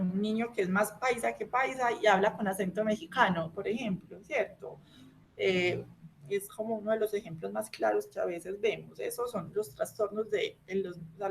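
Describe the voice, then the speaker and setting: A woman doctor giving an educational talk on children's language disorders, explaining step by step and often checking in with the listener. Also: medium pitch.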